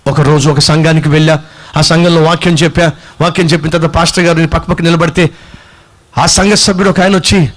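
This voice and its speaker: Brief: male preacher, high-pitched, forceful sermon delivery with rhetorical questions. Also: steady tone, fairly quick.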